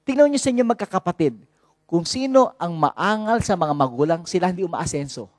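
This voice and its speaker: A Filipino priest from the Philippines gives a lively sermon at a fairly quick pace, his high voice swinging widely across its range. He mixes Tagalog and English and keeps calling out to the congregation, captured in close, dry sound with no room echo.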